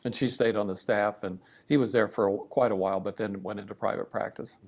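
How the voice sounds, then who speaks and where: An older man speaks as a veteran looking back. He remembers family history slowly and haltingly, feeling for details as he answers interview questions. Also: lowish voice, fairly even intonation. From southern Ohio, United States.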